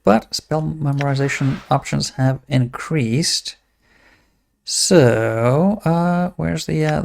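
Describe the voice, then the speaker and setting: A man's voice: on the high side, creaky, a little mellow. A man giving casual game commentary, thinking aloud and reading text from the screen. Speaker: let's-play host.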